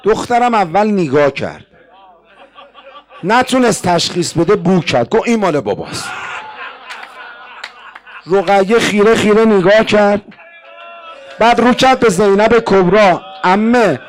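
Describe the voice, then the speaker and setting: A man's voice: high voice, pauses often. A male preacher narrating a mourning sermon with emotion, addressing the audience directly.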